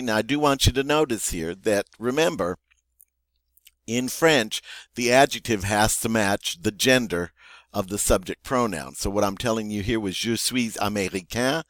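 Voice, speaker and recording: A man teaching a French grammar lesson, patiently repeating and modelling each French form slowly. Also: on the low side, dry recording, clean studio sound.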